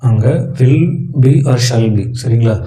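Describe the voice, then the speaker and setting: A man with a Tamil accent teaches English grammar to school students at an unhurried pace, putting a question to the class and then answering it himself. His voice is dark and mellow. The recording has a noticeable room echo. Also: medium pitch, steady tone. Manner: slow, asks questions and answers them himself.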